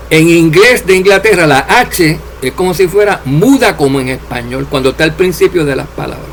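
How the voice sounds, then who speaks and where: A man preaching a sermon, addressing his listeners directly and letting his voice drop low and soft at the ends of phrases. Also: slight background noise. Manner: addresses listeners as dear servants, drops voice at endings.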